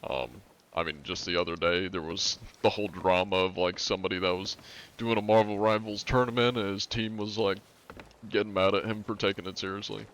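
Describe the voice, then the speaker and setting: Fairly quick and a bit bright, his low voice keeps a fairly even intonation. He's a twentysomething from the northern United States streaming a game, casually reading chat aloud and rambling with frequent fillers.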